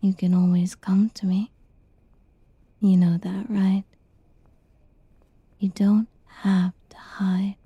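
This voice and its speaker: A woman whispering a tender, reassuring girlfriend roleplay in a soft, soothing ASMR style. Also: medium pitch, little pitch movement, slow pace, long pauses, breathy edge, no room sound, lo-fi sound.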